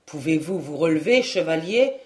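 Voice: mid-range voice, expressive, moderate pace, voice pushed down, close to an everyday voice. Audiobook: reader doing a wounded, commanding captain, firm orders. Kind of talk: audiobook reading.

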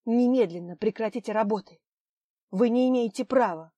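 A feisty, determined woman who runs a sewing studio speaks in urgent, indignant bursts, the voice pushed higher and louder than plain narration, as a woman reads her aloud. It sounds close and dry. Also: normal speed, dry recording, muffled recording, lightly acted. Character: determined female seamstress studio owner, feisty.

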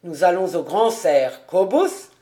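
Reader putting on an exuberant stout tax collector for an audiobook: booming, exclaiming, takes his time. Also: expressive, slow pace, dark tone. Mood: jubilant. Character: jovial stout middle-aged male tax collector. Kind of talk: audiobook character reading.

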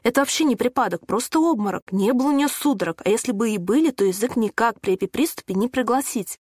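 A woman voicing a thin, sarcastic young man who snaps back and calmly lectures about first aid in a storybook. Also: fairly high pitch, fast, no echo, clean studio sound. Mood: sarcastic lecturing. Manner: snarky, lecturing.

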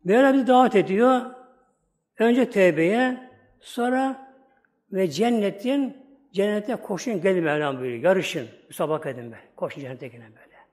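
A man with a high voice preaches a sermon. He is middle-aged and talks to his congregation through stories and rhetorical questions. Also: lively intonation, normal speed, darkish tone.

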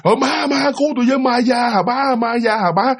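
A man's voice: high voice, very fast. A man voicing a startled bill collector, who exclaims in a flustered way. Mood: panicked.

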